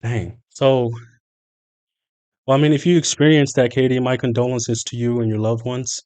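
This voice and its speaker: A man guesting on a podcast, talking casually and earnestly, often pausing to think with fillers. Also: mid-range voice, flat delivery, a little mellow. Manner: thoughtful, earnest, with frequent fillers and exclamations.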